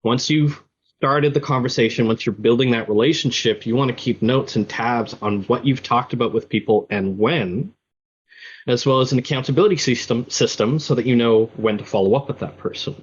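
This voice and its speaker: A man speaking as an interview guest, explaining his software product in a conversational, explanatory way. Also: mid-range voice, fairly quick, muffled recording, slight background noise.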